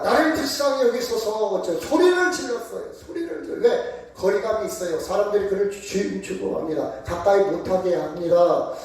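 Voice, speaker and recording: A male pastor preaches a sermon in a church sanctuary, using emphatic call-and-response questions. His voice is high-pitched with a darkish tone, and it sounds far off in a very echoey room.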